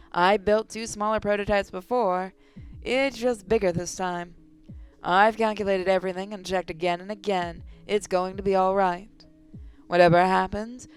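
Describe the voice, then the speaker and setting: A woman's voice: medium pitch, smooth, natural voice. Woman playing a jittery young inventor. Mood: nervous. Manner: breathless, voice shaking when excited. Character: young female inventor, nervous and excitable. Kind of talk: first-person audio drama narration.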